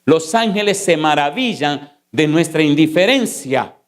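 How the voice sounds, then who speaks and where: Emphatic pastor preaching. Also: male voice, a little high, animated. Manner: emphatic, repeated rhetorical questions to the congregation; shifts between slow stressed phrases and rapid runs. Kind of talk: sermon. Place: church sanctuary. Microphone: sermon recording.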